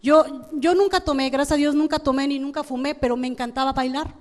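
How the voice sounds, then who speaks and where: A high-pitched woman with a Mexican Spanish accent delivers a sermon as pastor. She keeps calling out to the congregation and stumbles into restarts as she goes. Her voice rings with the long reverb of a church hall. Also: fairly even intonation, fast talker. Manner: repeats "hermanos" often, with frequent restarts.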